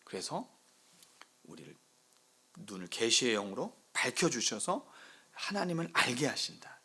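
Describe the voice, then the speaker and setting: A man preaching a sermon as pastor of a new church, asking the congregation rhetorical questions and swinging between loud emphasis and hushed whispers. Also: mid-range voice, sing-song, unhurried, gravelly, slightly rough.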